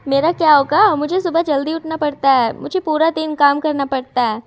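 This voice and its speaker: A woman's voice: high voice, fairly quick, close to an everyday voice. Woman doing a playful teasing young man. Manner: teasing, bantering.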